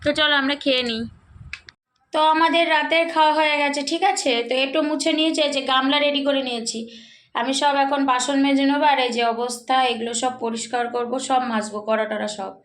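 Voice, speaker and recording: A middle-aged woman, slightly hoarse, chatting casually to viewers through a daily-routine vlog and often checking in with them. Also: high voice, fairly even intonation, quick pace, a bit bright. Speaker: vlogger.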